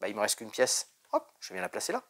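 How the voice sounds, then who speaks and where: Lively French game shop presenter. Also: male voice, medium pitch, quick pace, creaky, breathy edge. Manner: lively, chatty, jokey, with many fillers.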